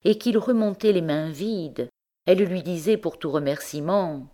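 Woman with a low voice reading a classic story aloud, steady and expressive. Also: unhurried. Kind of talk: audiobook narration.

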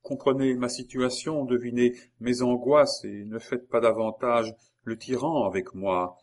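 A man's voice: medium pitch, steady tone, unhurried, darkish tone, pitched above the performer's own voice, lightly acted. A man voicing a tender, anxious young wife. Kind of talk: audiobook character voice.

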